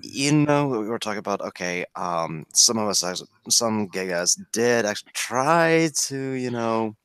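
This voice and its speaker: A man's voice: lowish voice, expressive, unhurried, fairly bright tone, clear, resonant tone, dry recording. A man from Sweden with a Swedish accent and Swedish as his first language, a guest talking hesitantly over a video call. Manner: hesitant, apologetic, with many fillers. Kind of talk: casual chat.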